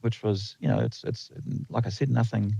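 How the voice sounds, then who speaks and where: Very animated and speaking at a moderate pace, a Netherlands-born lineman chats on a podcast in a low, gravelly, warm, slightly rough voice with a slight New Zealand accent. His casual interview talk rambles, packed with fillers and restarts. The slightly lo-fi recording has no echo.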